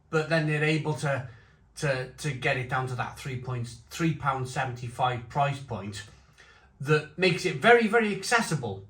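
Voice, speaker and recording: A man giving a casual, unscripted review at home, talking haltingly and repeating his phrases. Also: mid-range voice, fairly bright tone. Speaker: food and beer reviewer. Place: home conservatory. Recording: roomy echo, faint background noise.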